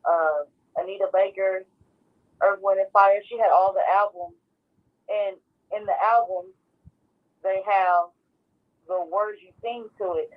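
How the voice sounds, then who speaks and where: A woman's voice: mid-range voice, steady tone, a little slow, long pauses, phone-quality sound. A woman from Texas, a guest, talking in a plain, matter-of-fact way about her life story. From Garland, Texas. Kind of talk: personal storytelling.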